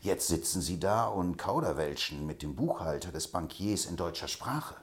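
A man plays an eager informant in a storybook, pitched above the reader's usual deep voice. He delivers news with self-important urgency, lively and insistent. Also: moderate pace.

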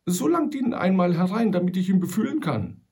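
A man doing a stubborn, wry old trapper, pitched well above an ordinary male voice and gravelly at the edges. He talks in a quirky old-timer way, tossing in English words, with a lively swing in the line. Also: fairly quick, full character voice. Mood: gruff, suspicious.

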